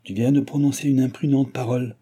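Man playing a stern secret-society president, audiobook, husky, commanding, dark voice. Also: medium pitch, steady tone, quick pace, pitched above the performer's own voice, close to an everyday voice. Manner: commanding, solemn questioning. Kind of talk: audiobook reading.

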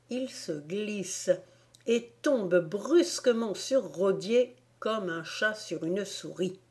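A woman reading a storybook aloud as a volunteer audiobook narrator, in a calm, measured manner. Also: mid-range voice. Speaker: audiobook reader.

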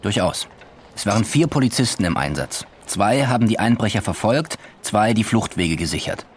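In a German radio drama, a man plays a careful junior police detective, reporting in a factual, reserved, deferential way. His voice is on the low side, animated and moderately paced, with slight background noise.

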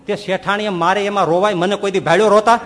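A man with a high voice delivers a sermon, throwing out rhetorical questions and acting out small scenes. His voice rings out with a long hall reverb. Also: fast talker. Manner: animated, rhetorical questions, acts out quoted voices. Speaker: swami giving a religious discourse. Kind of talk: sermon storytelling.

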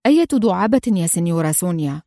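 A woman's voice: fairly high pitch, expressive, fast talker, a little mellow, no room sound, studio quality, lightly acted. A woman voicing a cold, mocking male police inspector in a read-aloud spy story. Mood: stern mocking.

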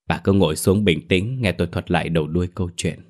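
A man voicing a loyal, calm old male servant in a spoken storybook, talking in a measured way. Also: sits low.

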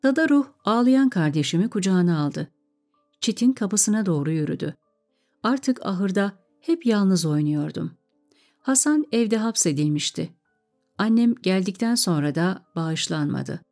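A woman reading a story aloud in a calm, measured way. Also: medium pitch, faint music behind.

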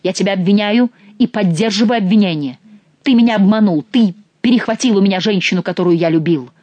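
A man reading an audiobook and voicing an imperious, hot-tempered young prince who accuses and shouts in a raised, loud voice. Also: high voice, wildly swooping pitch, dry recording, lo-fi sound, voice pushed up, heavily acted. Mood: furious. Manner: haughty, accusing, quick to shout.

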